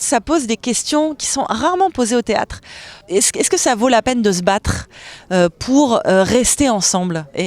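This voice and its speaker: A French stage actress gives an interview in a mid-range female voice, enthusiastic and expressive, often laughing between thoughts. The recording is dry.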